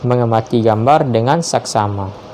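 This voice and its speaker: A man slowly reading multiple-choice quiz questions aloud and confirming each answer. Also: medium pitch, a little mellow, slight background noise. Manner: measured, spells out each option, confirms answers with "ya".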